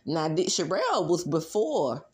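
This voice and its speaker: A woman's voice: low voice, sing-song, measured pace, darkish tone, slightly rough. A woman with a Southern Mississippi accent chatting casually as a gossip commentator, sassy and blunt, with conversational asides. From Mississippi, United States. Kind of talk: casual celebrity gossip chat, solo commentary.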